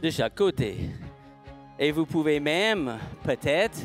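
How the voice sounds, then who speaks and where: A man's voice: fairly high pitch, animated, takes it slowly, soft background music. A man, a horse trainer speaking slightly broken French in a live seminar demonstration, asking rhetorical questions and answering them himself.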